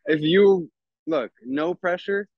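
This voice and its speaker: A man's voice: high-pitched, slow, dry recording. Laid-back rambling man on a dull line. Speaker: event organizer. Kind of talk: casual chat.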